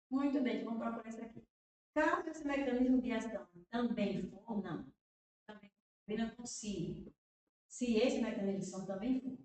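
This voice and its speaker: A woman's voice: medium pitch, mellow. A Brazilian woman teacher solving exam questions aloud, repeating words and checking in with her listeners. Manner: talks through answers aloud, repeating words and checking with "né?" and "tá vendo?". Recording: echoey room, voice far from the mic.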